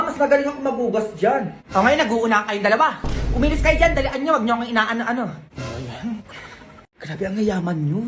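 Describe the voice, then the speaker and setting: A woman performing a comedy skit with lively, bickering banter and quick laughs, playing several roles. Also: a little high. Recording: music playing underneath.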